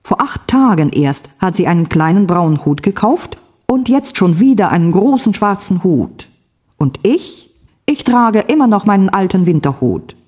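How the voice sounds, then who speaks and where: A woman reading the part of a jealous wife, vain about her taste and quick to protest. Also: mid-range voice, very animated, darkish tone, husky. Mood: sulky. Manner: indignant, exclamatory.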